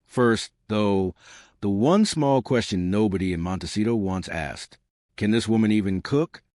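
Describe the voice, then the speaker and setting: Low, smug, sarcastic male narrator. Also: unhurried, darkish tone, no echo, clean studio sound. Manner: smug, sarcastic, punchy short sentences. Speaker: narrator and host of celebrity commentary. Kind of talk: scripted exposé narration.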